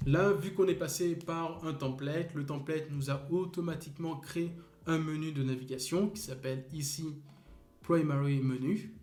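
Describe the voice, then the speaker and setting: A young man talks through a screen-recorded website tutorial, describing each click step by step. His voice sits at a middle pitch and carries an echoey room sound. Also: darkish tone. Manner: step-by-step, talks while clicking, corrects small slips. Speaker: web design instructor.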